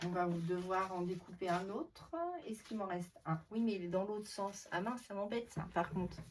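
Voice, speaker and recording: A woman's voice: medium pitch, fairly even intonation, normal speed, a little mellow, a little hiss or hum. A woman with a Norman French accent giving a casual crafting tutorial, thinking aloud and muttering to herself as she works. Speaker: crafter showing card-making.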